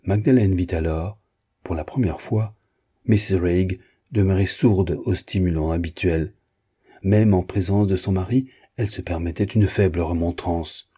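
A man reading a novel aloud in a measured, steady way. His voice is very low and dark, with a husky, slightly rough grain. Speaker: audiobook narrator. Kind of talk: scripted narration.

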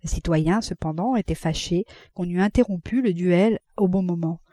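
A woman reading a classic novel aloud as an audiobook, in a measured narrating voice. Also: no room sound, clean studio sound. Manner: measured, voices characters with raised pitch and loudness. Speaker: audiobook reader.

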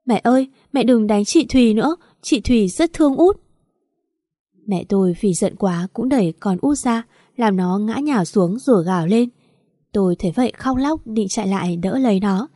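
A woman's voice: medium pitch, dark tone, no echo, studio quality. A woman narrating a first-person story in a sorrowful, confessional manner.

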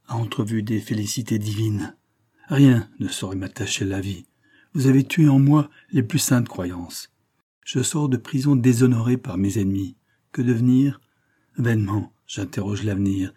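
A man's voice: on the low side, moderate pace, mellow, husky. A man reading the part of an anguished young man, a jilted lover who pleads in bitter despair. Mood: resigned despair.

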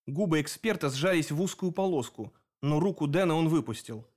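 A man reading an audiobook in an even, measured narration. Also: fairly high pitch. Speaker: audiobook reader. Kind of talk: scripted narration.

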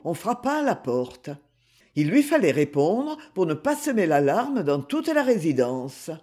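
Husky, expressive male audiobook narrator. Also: high voice. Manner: expressive literary reading. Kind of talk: scripted narration.

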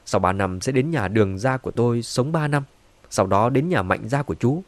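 A cunning, smooth-talking middle-aged man in an audiobook, voiced by a male narrator. He soothes and placates in a conciliatory tone. The recording is dry and close. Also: mid-range voice, fairly quick, dry recording, close to an everyday voice. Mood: placating.

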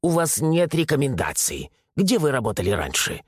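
A man's voice: mid-range voice, very animated, normal speed, breathy edge, dry recording, clean studio sound. A man playing a barking, stern old woman clerk. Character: old wrinkled woman clerk, strict and angry.

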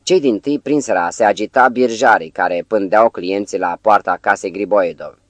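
A man narrating an audiobook in a measured, even storytelling manner. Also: on the low side, no echo. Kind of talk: scripted narration.

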